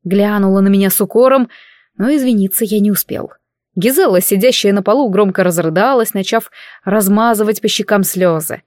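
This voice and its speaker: A woman reading a fantasy novel aloud as an audiobook narrator in steady storytelling. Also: medium pitch, a little fast, no room sound. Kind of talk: scripted narration.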